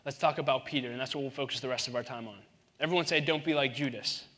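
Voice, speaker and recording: A man in his thirties preaching a sermon in an animated way, acting out the voices in the Bible story. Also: medium pitch, fast talker. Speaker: pastor.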